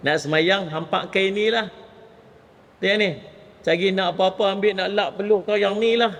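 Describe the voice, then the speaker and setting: A Malaysian man with a northern Malay accent giving a lively mosque lecture, often addressing his audience directly. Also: high voice, moderate pace. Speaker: Islamic preacher. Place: mosque hall. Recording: long reverb of a mosque hall.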